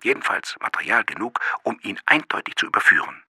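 A man doing a rough-voiced pushy police sergeant. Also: lowish voice, very animated, fairly quick, pushed and bright, no room sound, clean studio sound, pitched above the performer's own voice, heavily acted. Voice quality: rough, gravelly voice. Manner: insistent, drops to a confiding whisper.

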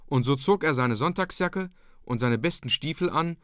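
Male narrator for a classic audiobook; measured and animated, dry. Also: a little high, smooth, no room sound.

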